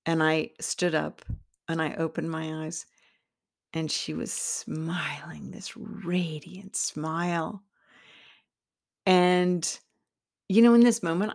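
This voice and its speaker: A middle-aged woman tells a personal story from her own life on her podcast. Her voice sits low with a gravelly edge, and she pauses and restarts as she reflects. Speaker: podcast host.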